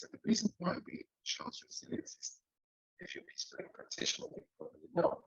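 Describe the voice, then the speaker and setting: A man giving a presentation on a video call, his audio buzzy, glitchy and robotic as it keeps cutting out, speaking in a hesitant, halting way. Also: low voice, creaky, husky, no echo, muffled recording. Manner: hesitant, halting, with many fillers. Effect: buzzy, glitchy, robotic-sounding video call audio that keeps cutting out. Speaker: researcher presenting on a webinar. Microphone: distant laptop mic.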